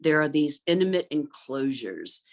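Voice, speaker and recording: A middle-aged woman, an interior designer by trade, speaks about gardens in a very animated way at normal speed, her voice sitting low. Her conversation is thoughtful and fluent, with many ums along the way.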